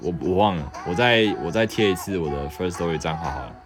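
A young man with a Taiwanese Mandarin accent hosts a relaxed livestream. He reads viewer questions aloud and answers them in a joking, offhand way. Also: deep voice, quick pace, music in the background. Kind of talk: casual livestream chat.

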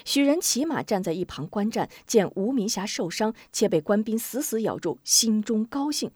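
A woman telling a martial-arts story with vivid, expressive narration. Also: medium pitch, moderate pace, husky, no echo, clean studio sound.

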